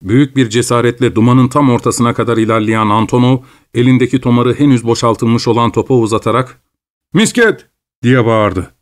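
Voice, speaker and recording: Man narrating a war story gravely. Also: medium pitch. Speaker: audiobook narrator. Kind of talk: scripted literary narration.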